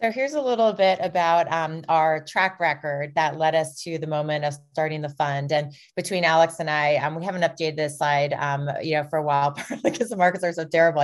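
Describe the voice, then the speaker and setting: Low-voiced middle-aged woman, breezy and self-deprecating, talking over a video call. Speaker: venture capitalist, fund founder.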